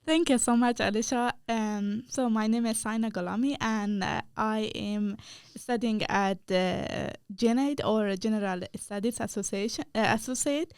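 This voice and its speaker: Student guest: young woman from Afghanistan, hesitant and halting, fairly high, clean and dry sound. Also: a little mellow, clean tone, no room sound. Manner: hesitant, many fillers and restarts. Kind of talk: casual podcast interview.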